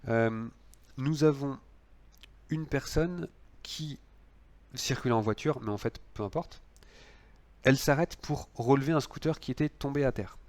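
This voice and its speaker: A man's voice: medium pitch, unhurried, long pauses, darkish tone. A man lecturing on law, explaining cases with frequent fillers and restarts.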